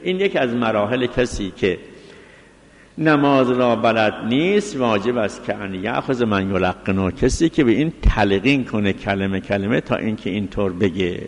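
A man's voice: on the low side, lively intonation, echoey room, big-room sound. A man giving a lecture on religious law, reading Arabic passages and explaining them point by point. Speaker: seminary teacher of Islamic law. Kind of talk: jurisprudence lecture.

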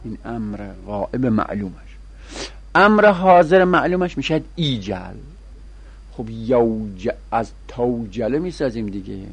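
A man's voice: medium pitch, expressive, husky. A man teaching a grammar lesson, reciting verb conjugations in a sing-song chant and explaining the rules.

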